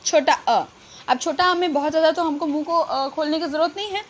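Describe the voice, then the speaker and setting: A woman's voice: high voice, a little fast, slight background noise. A woman with an Indian accent teaching English pronunciation, mixing Hindi and English and answering her own questions. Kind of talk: pronunciation lesson.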